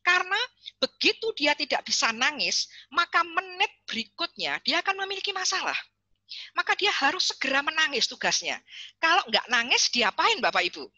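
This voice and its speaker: A woman giving an online parenting seminar, chatty and lively, calling on parents by name over a video call. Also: high-pitched, moderate pace, no room sound, dull audio. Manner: lively, chatty, addresses parents and reads chat names.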